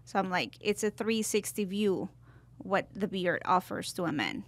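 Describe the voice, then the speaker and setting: A woman's voice: mid-range voice, very animated, normal speed, dry recording. Colombian-born woman in her twenties, dry studio. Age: 20s. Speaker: guest barber. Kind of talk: podcast interview. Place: podcast studio.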